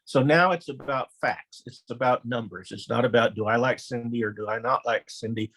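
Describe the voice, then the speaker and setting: A man's voice: normal speed, a bit bright, poor audio. A middle-aged man, a former elementary principal, presenting a conversational training webinar and acting out quoted voices in anecdotes. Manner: anecdotal, acts out quoted voices with raised pitch.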